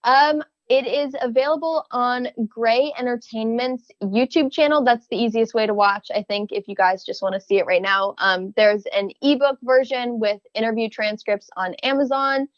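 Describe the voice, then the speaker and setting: Young woman guest, thoughtful and halting. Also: a little high, dry recording, highs cut off. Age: young adult. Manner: thoughtful, hesitant with restarts and soft laughs. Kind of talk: casual interview talk.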